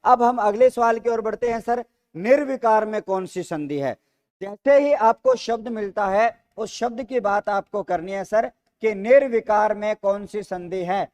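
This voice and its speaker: A man's voice: high-pitched, unhurried, a little mellow. A man with a Rajasthani Hindi accent teaching grammar in a live online class, repeating each question and answering it himself while calling viewers "sir". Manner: calls viewers "sir" constantly. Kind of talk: live online class, reading student comments.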